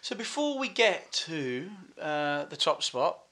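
A man's voice: a little high, big pitch swings, takes it slowly, bright, forceful tone, slight background noise. A man hosting a podcast in casual, matey, sweary chat. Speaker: podcast host.

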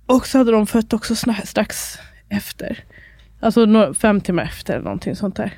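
A woman's voice: mid-range voice, animated, warm tone, no room sound, clean studio sound. A woman in her thirties co-hosting a podcast in casual chat, talking freely with frequent laughs and sentences that trail off. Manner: chatty, laughs often, trails off mid-sentence. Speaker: podcast co-host.

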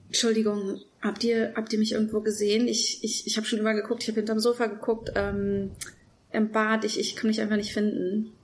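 A woman's voice: mid-range voice, monotone, brisk, a little hiss or hum, close to an everyday voice. A woman playing a flustered, lost daydream girl who searches for herself, stammering and bewildered in an improvised comedy sketch.

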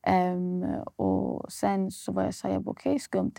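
A woman's voice: mid-range voice, completely flat delivery, gravelly, warm tone, no echo, studio quality. A young woman, a guest recounting a painful personal story and acting out the dialogue. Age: young adult. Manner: retells events acting out quoted dialogue, many fillers. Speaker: guest poet.

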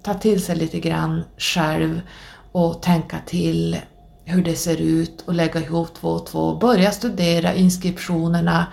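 A woman's voice: lowish voice, flat delivery, creaky, a little mellow. A woman hosting a podcast, talking alone in a rambling, casual way with many hesitations and restarts. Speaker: podcast host.

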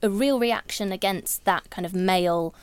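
A woman co-hosts a literary podcast in casual discussion. Some of her vowels are flat, and the sound around her is very dry. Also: medium pitch, moderate pace, clear, resonant tone, dry recording. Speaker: podcast co-host.

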